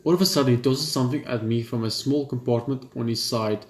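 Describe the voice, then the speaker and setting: Speaking fast, a man with a medium-pitched voice reads through a visual novel for a let's play. He trips up and rereads occasionally, mixing asides into the narration. Video game music plays behind a roomy echo.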